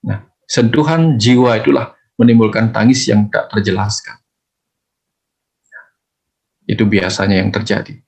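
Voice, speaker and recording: A man answering questions as a spiritual teacher, speaking in a calm, measured way and explaining with parables. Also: on the low side, gravelly. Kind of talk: calm reflective teaching talk.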